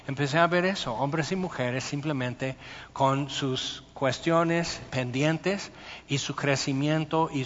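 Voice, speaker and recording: A man, a pastor preaching a sermon and telling stories with lively, acted-out voices. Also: mid-range voice, a little hiss or hum. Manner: animated storytelling, acting out voices. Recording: muffled sound with long hall reverb.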